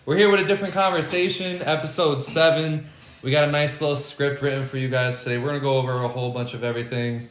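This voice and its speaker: A young man hosting a casual podcast chat in a studio, joking and laughing loudly with his co-hosts. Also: mid-range voice, fairly even intonation, fast talker, reverberant. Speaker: podcast host.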